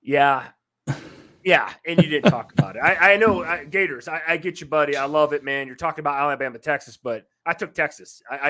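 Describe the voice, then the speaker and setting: A man's voice: a little high, a bit bright. A man co-hosting a live college football reaction show, fired up and swearing as he banters. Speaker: co-host. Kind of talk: live sports reaction chat.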